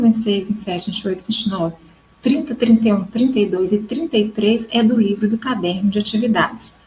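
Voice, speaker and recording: A woman's voice: mid-range voice, a little hiss or hum, rough recording. A woman from Brazil teaching a recorded grammar lesson, explaining step by step and often checking in with her students.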